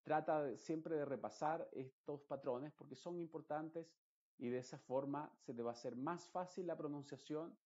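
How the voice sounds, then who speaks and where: A man, teaching English pronunciation in an explanatory lesson and repeating example words slowly and carefully. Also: on the high side, a little mellow. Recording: dull lo-fi recording.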